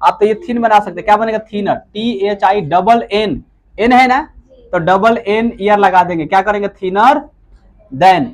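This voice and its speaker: In a lecture on English grammar delivered as if in a classroom, a high-voiced man answers his own questions and slowly repeats key terms.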